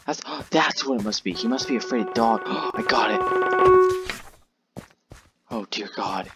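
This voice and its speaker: A young man hosting a gaming channel, giving let's-play commentary in a jumpy, excitable way, yelping and trash-talking the monster. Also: lowish voice, unhurried, loud music behind the voice. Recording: loud game sounds with crickets behind.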